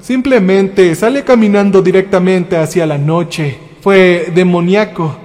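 High-voiced man narrating a horror story. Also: a little slow, darkish tone. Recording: faint music behind. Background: faint music.

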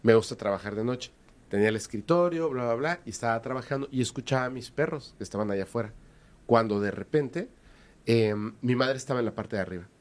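A man with a Mexican accent telling a story in casual conversation, animated and hesitant, repeating words for emphasis. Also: mid-range voice, fairly quick.

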